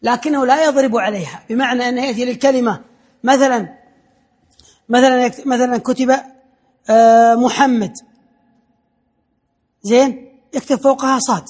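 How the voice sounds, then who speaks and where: A man's voice: extremely high pitch, fairly even intonation, normal speed, long pauses, darkish tone. A man giving a classroom lecture, explaining step by step, repeating his points and often restarting words.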